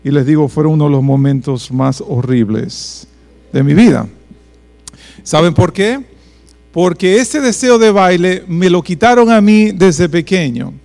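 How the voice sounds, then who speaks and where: A fairly high-pitched male pastor, telling stories and speaking straight to his congregation. His voice rings out in a church hall with long reverb trailing behind each phrase, and a faint electrical hum runs underneath. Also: unhurried, gravelly, a little mellow. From Dominican Republic. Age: 40s. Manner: storytelling, addresses congregation directly. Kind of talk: bilingual church sermon with personal stories.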